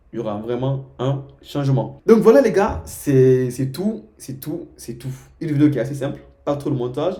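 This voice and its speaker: Young man from guinea, informal vlog advice, mellow dark voice, repeats himself. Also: mid-range voice. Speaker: vlogger giving language tips. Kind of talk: casual direct-to-camera advice.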